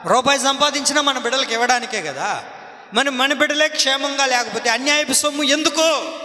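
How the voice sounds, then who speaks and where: High, bright-voiced preaching pastor. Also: male voice, brisk, roomy sound, long reverb tail. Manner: emphatic preaching, repeats phrases, asks the congregation questions. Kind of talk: sermon. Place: church hall.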